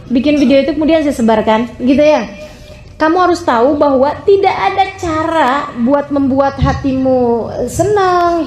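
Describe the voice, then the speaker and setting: Woman preacher, high voice, emphatic sermon, echoey room, faint hum. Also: a little mellow. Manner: emphatic, swings between high exclamations and low drawn-out phrases; addresses her listeners as sisters again and again. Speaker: Islamic preacher.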